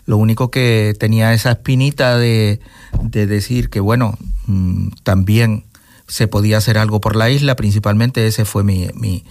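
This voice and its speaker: A man in his sixties with a lilt and a fairly low voice. He takes his time, weighing each phrase in a calm interview tone. The sound is dry and close, with no room around it. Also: no room sound. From Gran Canaria, Spain. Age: 60s. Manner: measured, thoughtful, pauses to search for words. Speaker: interview guest, nature reserve director. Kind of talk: casual interview conversation.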